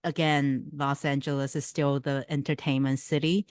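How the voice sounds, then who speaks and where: A woman's voice: very deep voice, level tone, normal speed, clean tone, no room sound, studio quality. A woman from Taiwan, a filmmaker answering questions thoughtfully and often searching for words. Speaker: filmmaker and producer.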